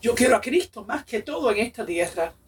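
A woman's voice: a little high, expressive, brisk, far from the mic, a little hiss or hum. A woman in her forties from Cuba, with a Cuban accent, giving a personal faith testimony in a fervent, emotional way and repeating phrases for emphasis. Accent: Cuban Spanish. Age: 40s. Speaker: church member giving testimony.

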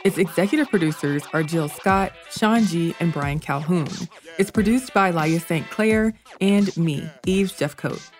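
A woman's voice: fairly low pitch, a little slow, darkish tone. A woman narrating scripted podcast notes and credits as the show's producer. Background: music under the voice.

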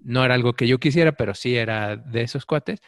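A man's voice: mid-range voice, fairly quick, no echo, clean studio sound. Mexican man telling stories animatedly. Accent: Mexican Spanish. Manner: animated storyteller, acts out quoted voices. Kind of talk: casual chat.

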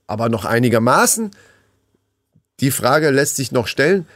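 A man's voice: mid-range voice, sing-song, moderate pace, a bit bright, dry recording, clean studio sound. A man co-hosting a podcast in casual, colloquial, joking banter. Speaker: podcast co-host.

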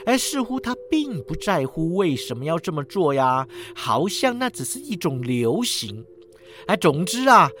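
Man doing a drawling storybook orange cat, high, meows at line ends. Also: fairly bright tone, exaggerated voice. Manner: drawling, sighs 'ai' and tacks 'meow' on lines. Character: lazy, glib reincarnated male orange cat. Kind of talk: storybook character voice.

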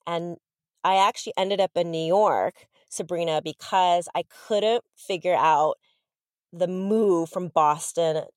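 Chatty woman guest, low dry voice. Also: slow pace, no room sound. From Southern California. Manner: chatty, animated storyteller. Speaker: podcast guest. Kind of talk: casual interview storytelling.

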